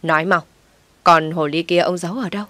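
A woman's voice: low voice, fairly even intonation, a little fast, dry recording. A woman voicing a furious, vengeful wealthy wife who barks orders. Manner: domineering, shouting orders.

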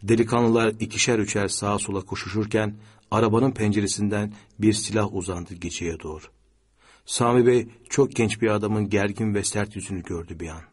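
Husky low-voiced male narrator. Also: fairly even intonation, a little fast, darkish tone. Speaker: audiobook narrator. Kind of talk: scripted literary narration.

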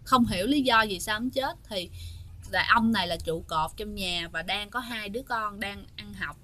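A woman's voice: mid-range voice, normal speed, pushed and bright. A woman telling ghost stories in a chatty way, with many fillers, talking straight to her listeners. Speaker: ghost story host. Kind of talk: casual spoken storytelling.

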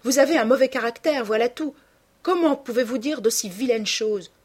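Woman reading young actress in love, high, lilting, husky tone, audiobook. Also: lively intonation, normal speed. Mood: chiding. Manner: bright, lilting, exclamatory. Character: young actress Sibyl, joyful, dreamy, in love.

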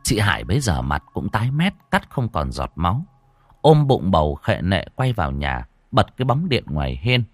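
A man's voice: low voice, moderate pace, no echo. A man narrating a horror story, acting out every character. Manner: animated, voices all characters.

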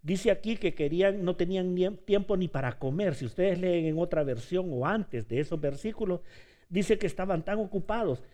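A man preaching a sermon as pastor, animated and playful, acting out the voices in the story. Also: high-pitched, moderate pace.

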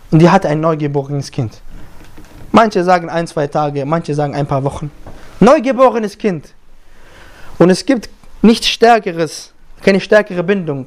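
A male preacher with a voice on the high side gives a Friday sermon, telling a story with lively acted-out dialogue and quickly recited Arabic verses.

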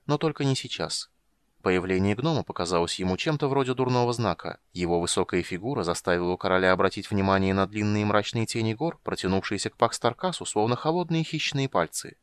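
A man narrating a fantasy audiobook in a steady, measured storytelling manner. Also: deep voice, clean tone, no echo.

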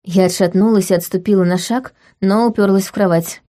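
A woman narrates a first-person romantic fantasy novel in an even, measured reading. Her tone is mellow and dark, with a middling pitch. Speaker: audiobook narrator.

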